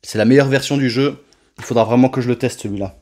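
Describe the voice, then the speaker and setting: A man's voice: mid-range voice, fairly even intonation, fast talker, darkish tone. Chatty man showing his game haul. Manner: chatty, many fillers and self-corrections. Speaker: retro game collector, channel host. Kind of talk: casual collection showcase vlog.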